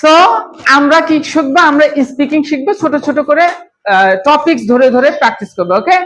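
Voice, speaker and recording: A woman's voice: sits high, lively intonation, fairly quick, a bit bright, slight background noise, poor audio. A woman with a Bangladeshi accent teaching a children's spoken English class, coaxing the room and checking "okay?" again and again. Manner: coaxing, repeats "okay?" often, mixes Bengali and English.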